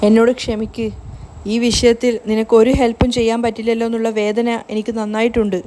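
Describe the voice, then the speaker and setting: A gentle young man who consoles and apologizes softly, as a woman narrator reads him, in her own fairly high voice, with a faint hiss under the story recap. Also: level tone, fast, natural voice. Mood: consoling.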